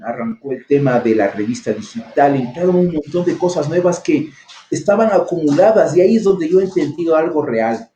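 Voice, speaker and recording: A man hosting a radio interview, sharing reflective personal anecdotes in a relaxed, conversational way. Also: a little high, a little hiss or hum. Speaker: radio host. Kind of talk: casual interview chat. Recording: roomy echo.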